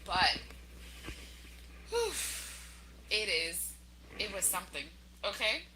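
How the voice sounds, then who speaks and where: A young adult woman hosting a podcast, telling her own story and giving advice in a chatty, animated way that speaks straight to listeners. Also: medium pitch, slow, a little hiss or hum, low-quality recording. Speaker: podcast host.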